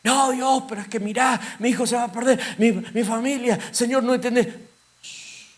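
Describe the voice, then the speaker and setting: A man's voice: steady tone, normal speed. A man voicing a frantic adult man pleading with God, in a whiny, protesting tone with a Rioplatense Spanish accent. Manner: high-pitched, whiny protesting.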